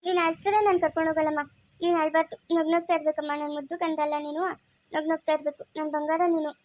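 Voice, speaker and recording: A doting young mother in a homemade family drama, played by a woman. Her voice is very high and she talks quickly, coaxing and repeating affectionate pet names. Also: flat delivery, darkish tone, close to an everyday voice. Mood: soothing. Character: loving young mother, soothing and playful. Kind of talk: amateur family drama acting.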